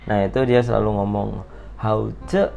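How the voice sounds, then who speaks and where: Woman from Central Java, very low and mellow, casual playful co-host, faint guitar bed. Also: normal speed, gravelly. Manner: relaxed, playful, explains slang with acted examples. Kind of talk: casual chat. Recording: slightly dull sound with faint guitar music.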